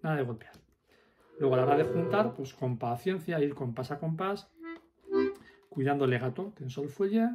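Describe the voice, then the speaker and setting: A man's voice: on the high side, expressive, normal speed, long pauses, over loud music. A man teaching accordion step by step, patiently explaining fingering and counting the beats aloud. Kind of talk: step-by-step music lesson.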